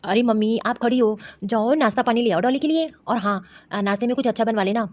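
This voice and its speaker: A woman voicing a bossy, dismissive young husband and son in an animated cartoon. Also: a little high, quick pace, noisy background, lightly acted. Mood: casual. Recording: dry, dull lo-fi audio.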